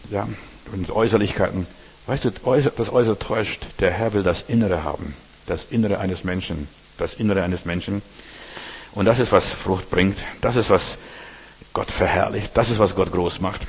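A man's voice: low voice, breathy edge, big-room sound. A man preaching a sermon, addressing listeners directly with frequent asides asking if they understand.

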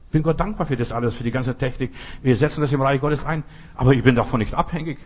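A man preaching with a husky, slightly breathy voice. He talks straight to the listener, leaning hard on repeated phrases and pointed asides. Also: medium pitch, fast talker, darkish tone. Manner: direct, addresses listener as du, emphatic repetitions. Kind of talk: sermon.

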